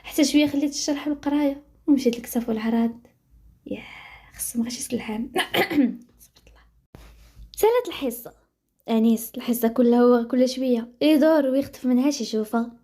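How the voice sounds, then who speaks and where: Fast-talking Moroccan woman storyteller. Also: fairly high pitch, mellow. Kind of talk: storytelling narration.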